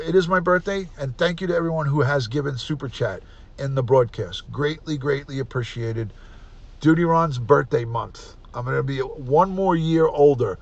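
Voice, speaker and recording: A man in his fifties with a gravelly New voice, hosting a live stream in a loose, chatty way. He runs through viewer names one by one and keeps thanking them as he signs off. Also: mid-range voice, a little mellow, dry recording, muffled recording. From United States. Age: 50s. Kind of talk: casual live stream sign-off.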